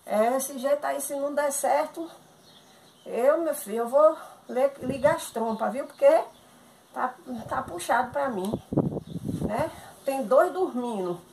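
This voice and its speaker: A woman's voice: high-pitched, a little slow, vocal fry. Pleading woman in an echoey room. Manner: chatty, pleading, exasperated complaining. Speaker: content creator acting a comic sketch. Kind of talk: one-sided comic phone sketch. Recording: echoey room with loud background noise.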